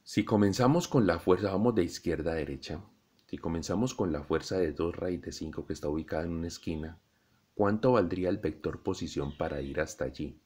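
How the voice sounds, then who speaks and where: Colombian guy teaching physics, very low voice, slow and careful, talks straight to the students. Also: a little mellow, husky. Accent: Colombian Spanish. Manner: slow, deliberate explaining, addresses students directly. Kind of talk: recorded classroom lesson.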